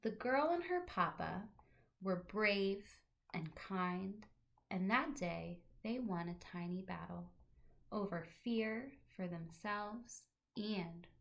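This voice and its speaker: A woman teacher reads a picture book aloud to young children, phrasing it deliberately and adding chatty asides to her listeners. Her medium-pitched voice is expressive, with some vocal fry.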